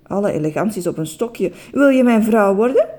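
A smitten man in a storybook, gushing and loud with adoration, his voice rising and bouncing, as a woman puts him on. Warm, mellow tone. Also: medium pitch, expressive, brisk, close to an everyday voice. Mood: adoring. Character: adoring smitten man proposing.

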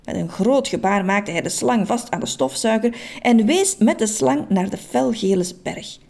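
A woman narrating a children's story in an expressive, playful, suspenseful way. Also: mid-range voice, moderate pace, vocal fry.

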